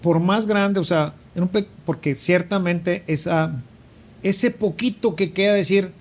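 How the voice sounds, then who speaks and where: A man with a high-pitched voice speaks at a measured pace. He's a priest offering a conversational spiritual reflection, thoughtful in tone, using frequent fillers and letting his voice rise for emphasis.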